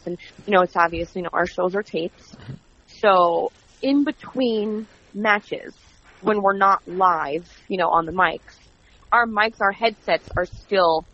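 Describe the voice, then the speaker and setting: A woman being interviewed as a wrestling commentator, telling stories in a chatty, animated way and acting out quoted dialogue. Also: lowish voice, gravelly. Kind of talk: casual interview. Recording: dull lo-fi audio.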